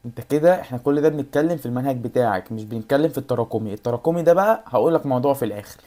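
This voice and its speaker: A YouTuber with an Egyptian Arabic accent and a very deep, warm voice rapidly gives exam study advice in a casual vlog. She looks to the viewer directly and returns to reassuring them repeatedly.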